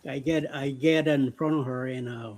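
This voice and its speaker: A man's voice: mid-range voice, fairly even intonation, normal speed, a little mellow. A man joking in a casual live chat, laughing between his lines.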